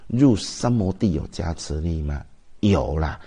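A man's voice: low voice, lively intonation, a little slow, warm tone, breathy edge. A man with a Taiwanese Mandarin accent, a Buddhist master giving a dharma talk, telling stories and asking the audience rhetorical questions.

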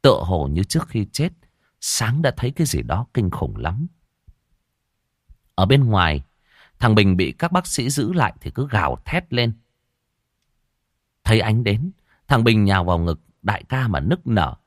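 A man narrating a horror story in a dramatic, expressive way. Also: on the low side, unhurried, long pauses, dry recording, clean studio sound.

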